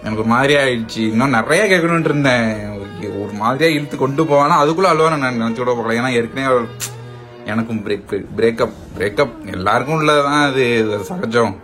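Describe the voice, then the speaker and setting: A man talks in an easy, casual way, teasing one moment and pleading the next. His voice sits at an ordinary middle pitch. Faint music plays under the talk. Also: brisk, fairly bright tone. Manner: teasing, then apologetic and coaxing. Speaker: prank vlogger. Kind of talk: casual prank chat.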